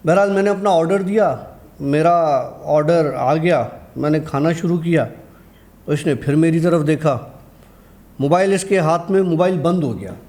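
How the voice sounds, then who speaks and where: Unhurried and darkish in tone, this man's fairly high voice carries a personal horror story told as a guest. He keeps it conversational and performs the lines of dialogue himself.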